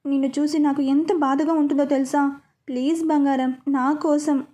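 A woman's voice: high voice, flat delivery, normal speed, natural voice. Woman reading as a caring young husband. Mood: coaxing. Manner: soft, coaxing.

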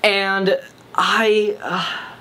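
A man's voice: high-pitched, level tone, extremely slow, pushed and bright. Male vlogger, 20s, casual filler-heavy ramble to handheld camera, light background noise. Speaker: vlogger and music producer. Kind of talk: casual vlog talk to camera. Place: outdoors in an apartment parking lot, then a small home music studio. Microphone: handheld vlog camera close to the face.

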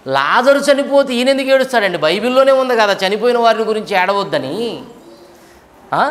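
A man's voice: high-pitched, fairly bright tone. A middle-aged man from India preaching a sermon, asking questions and pressing his points with rising and falling intensity. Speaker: pastor.

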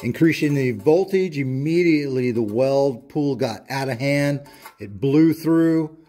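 A man in his thirties giving a step-by-step welding tutorial in a home auto shop, speaking in a slow, deliberate, instructive way. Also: medium pitch, expressive, dark tone, a little hiss or hum.

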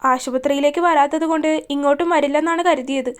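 A talkative, blunt old grandmother chats in a matter-of-fact way, read by a woman storyteller. The voice is high. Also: fairly even intonation, brisk, lightly acted. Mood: chatty.

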